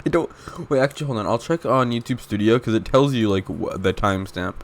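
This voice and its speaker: A young man co-hosting a podcast in casual chat, rambling and interrupting himself, with deadpan teasing. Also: on the low side, fast, slight background noise. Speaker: podcast co-host.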